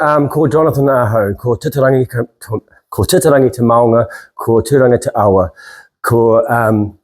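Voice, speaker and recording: A middle-aged New Zealand man gives an informal inspirational talk. His accent is Kiwi and his voice is soft-edged and mellow. He speaks in a rambling, self-deprecating way, feeling for his words as he goes. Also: on the low side. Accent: New Zealand, with Maori greetings. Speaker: speaker and stand-up comedian.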